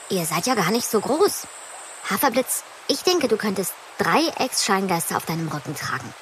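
A woman voicing a clever, plucky young flying hero in a children's audio story, talking in a lively, resourceful way. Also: fairly high pitch, a little hiss or hum, low-quality recording.

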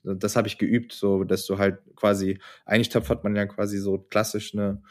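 A man's voice: on the low side, level tone, normal speed, a little mellow. A man chatting casually as a podcast guest, telling a story animatedly and laughing often. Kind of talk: casual chat.

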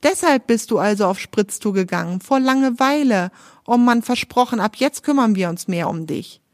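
A woman's voice: a little high, animated, normal speed, no echo, studio quality. A woman doing a caring little girl. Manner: warm, caring. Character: kind caring young girl.

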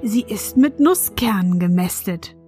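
A woman's voice: mid-range voice, animated, unhurried, dark tone, faint music behind, close to an everyday voice. A woman voicing a greedy, cruel old robber woman in whispered role-play. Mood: gloating.

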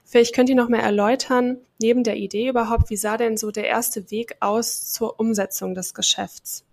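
Woman host, higher voice, kinda gravelly, calm interview questions. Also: moderate pace. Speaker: podcast host.

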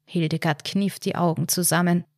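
Low-voiced woman reading a story. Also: steady tone, normal speed, darkish tone, no room sound, studio quality. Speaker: podcast host and author. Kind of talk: scripted storytelling narration.

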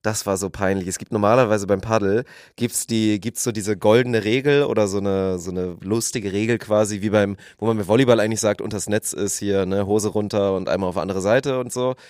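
A man in casual chat, telling his own sports story in a lively, self-mocking way. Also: on the low side, a little fast, few pauses, no room sound, clean studio sound. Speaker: guest athlete.

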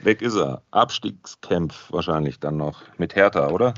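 A man's voice: sits low, lively intonation, normal speed, a bit bright, no echo. A man hosting a casual podcast chat, chatty and jokey, thinking aloud as he goes. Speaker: podcast host. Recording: dull lo-fi sound.

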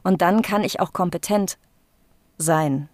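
A woman's voice: fairly low pitch, measured pace, no echo, studio quality. A woman voice coach explaining her work in a podcast interview, thoughtful and explanatory, with frequent fillers.

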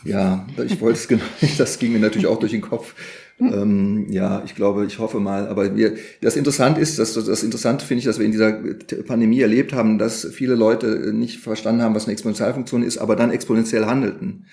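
A man from the Rhineland, speaking as an interview guest in a relaxed, chatty way with many filler sounds. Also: on the low side, a little fast, creaky. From Rhineland, Germany. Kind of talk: conversational interview answer.

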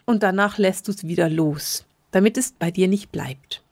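A middle-aged woman hosts her own podcast, explaining spiritual senses to listeners. She talks very fast and urgently, often repeating words for emphasis. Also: medium pitch, darkish tone, no echo. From Switzerland, grew up in Bern. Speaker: podcast host, spiritual medium. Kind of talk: solo podcast teaching.

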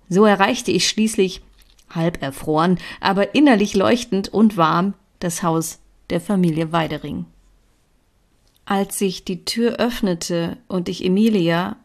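A woman reading her own story aloud in an even, clear storytelling manner. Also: lowish voice. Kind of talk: scripted narration.

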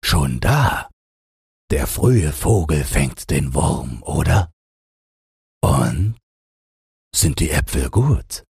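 A man voicing a sly, scheming big bad wolf in a storybook reading, with a deep, gravelly, husky voice and slow, drawn-out, coaxing speech. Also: very animated, darkish tone, dry recording, clean studio sound, heavily acted.

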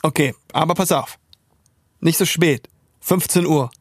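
This is a young man sharing an anecdote as a guest. His delivery is expressive, and he often raises his voice to act out what others said. The recording is dry, with no room sound. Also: on the high side, measured pace, husky, no room sound. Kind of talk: animated personal storytelling.

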